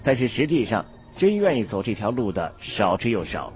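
A man narrating a novel as an audiobook in a steady storytelling delivery. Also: fairly low pitch, normal speed. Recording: dull lo-fi audio, faint background music.

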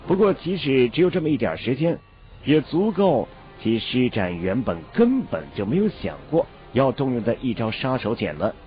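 Male audiobook narrator, steady storyteller, muffled recording. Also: mid-range voice, moderate pace. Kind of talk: scripted novel narration. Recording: dull lo-fi audio, faint background music.

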